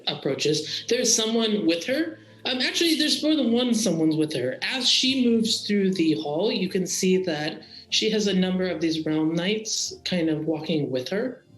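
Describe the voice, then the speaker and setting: A man's voice: high-pitched, expressive, normal speed, few pauses, a bit bright. A man narrating a tabletop game as game master, casual and full of fillers, in an echoey room with faint music.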